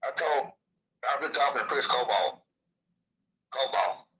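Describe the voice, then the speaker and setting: A man's voice: mid-range voice, expressive, measured pace, bright, forceful tone, muffled recording. A man with a lisp from missing upper teeth, telling his story in a casual, rambling way. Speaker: interviewee recounting his own experience.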